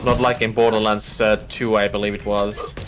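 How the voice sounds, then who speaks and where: A man's voice: on the low side, flat delivery, normal speed, background noise. A man who is not a native English speaker, chatting casually during a game stream, explaining at length and stopping to search for words. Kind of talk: casual chat while gaming.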